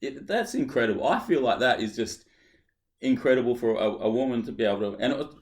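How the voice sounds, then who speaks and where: An Australian podcast host leads a casual chat, his mid-range, darkish voice expressive as he sets out his questions. He speaks haltingly, often stopping and restarting while posing them.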